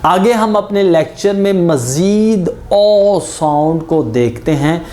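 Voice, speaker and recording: An English pronunciation teacher giving a lesson and drawing out each example word slowly. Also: medium pitch, expressive, dark tone. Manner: drawn-out example words, explained in Hindi-Urdu.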